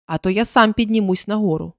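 A woman voicing a stern, cruel husband in a storybook reading, speaking slowly and threateningly in a dry, close recording. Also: on the low side, dry recording, lightly acted. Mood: impatient, shouting.

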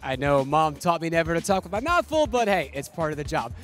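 A young man hosting a pregame baseball show, delivering scripted segments with energetic, promotional punch from around the ballpark. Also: a little high, brisk, faint music behind. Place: ballpark concourse and museum.

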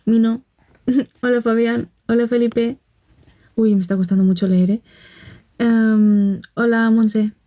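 A woman's voice: fairly high pitch, fairly even intonation, slow pace, pauses often, mellow. A young woman from Spain with a Barcelona accent, chatting casually on a phone livestream, telling gossipy stories, laughing often and greeting viewers. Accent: Spanish from Barcelona. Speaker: livestream host. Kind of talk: casual livestream chat, reading comments.

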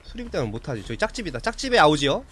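A man's voice: on the high side, very animated, very fast, fairly bright tone, slight background noise. A man chatting casually with his viewers while streaming a horror game, reacting to the play and answering chat.

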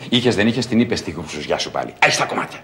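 A man's voice: deep voice, big pitch swings, creaky, sharp tone, slight background noise, full character voice. An actor playing a sulky, superstitious star singer who grumbles at his manager, in 1980s comedy style. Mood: grumpy. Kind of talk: 1980s film comedy acting. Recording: roomy old film track.

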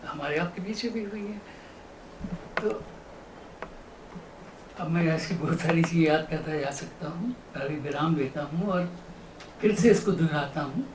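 A man hosting a memorial meeting, speaking in a measured way and introducing the next speaker. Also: on the high side. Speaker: event host introducing speakers. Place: auditorium. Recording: distant roomy hall mic with noise.

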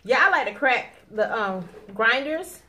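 Seated at a dining table in her living room, a mukbang host in her thirties chats casually with viewers and complains. She speaks a little slowly in a slightly high voice with big pitch swings, and a crowd is audible behind her. The noisy home recording comes from a camera across the table.

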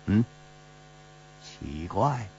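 A man's voice: low voice, big pitch swings, extremely slow, mellow, slightly rough, exaggerated voice. A man playing an amused, easygoing adventurer. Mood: musing. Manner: amused, musing. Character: easygoing, curious young male adventurer. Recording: slightly dull recording with faint hum.

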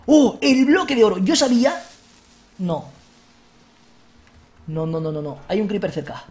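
A man with a Spain Spanish accent hosting a let's-play, excitable, shouting at enemies and joking with viewers. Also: high voice, unhurried. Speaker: gaming video host.

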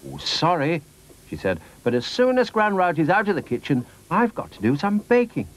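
A man voicing a gentle, busy mother in a children's radio story. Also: sits high, huge pitch swings, normal speed, pitched above the performer's own voice, rough recording. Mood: apologetic. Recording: faint music behind.

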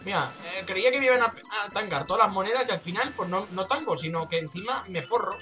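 A man's voice: high-pitched, lively intonation, fast, sharp tone, soft background music. A man with a Spain Spanish accent giving casual, jokey, exclamatory commentary while playing a video game. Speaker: let's play gamer.

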